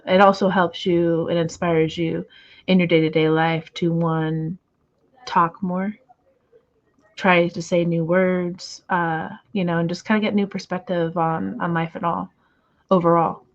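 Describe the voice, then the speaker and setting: A slightly hoarse woman hosting a comic book reading stream, chatting casually with lots of fillers and trying to slow her naturally fast speech. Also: fairly low pitch, little pitch movement, dull audio. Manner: rambling, filler-heavy, self-deprecating. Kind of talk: casual livestream chat.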